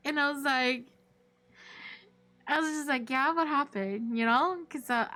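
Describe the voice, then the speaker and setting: A woman live streamer rambles through a story to her chat, casual and chatty with lots of fillers, greeting viewers mid-story. Her voice is high-pitched, pushed and bright, at a measured pace.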